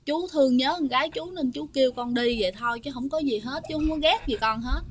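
Woman voicing a gentle grieving ghost man. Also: high-pitched, fast, a little hiss or hum, voice pushed up, close to an everyday voice. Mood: pleading.

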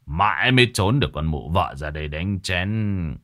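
A man voicing a gruff, irritable middle-aged village chief who scolds bluntly. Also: sits low, animated, normal speed, sharp tone. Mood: irritable scolding.

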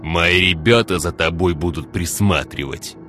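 A man voicing a calculating gang boss who speaks in a slow, measured, menacing drawl. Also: deep voice, pushed and bright, soft background music. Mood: cold.

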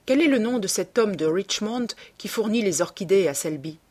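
A woman reading an audiobook voices a charming, cold young gentleman who gives orders quickly and lightly. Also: medium pitch, lively intonation, pitched above the performer's own voice, lightly acted. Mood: commanding. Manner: brisk, commanding, lightly airy.

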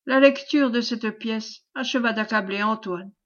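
A woman narrating a classic French novel as an audiobook reader, in a measured, expressive way. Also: fairly high pitch, lo-fi sound.

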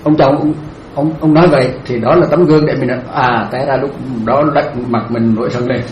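A male Buddhist monk giving a dharma talk, answering a question gently, repeating his phrases and laughing now and then. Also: mid-range voice, fairly even intonation, a little fast. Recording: echoey room, faint noise.

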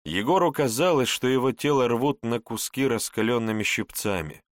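A man narrating an audiobook in a measured storytelling manner. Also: mid-range voice, no room sound, studio quality.

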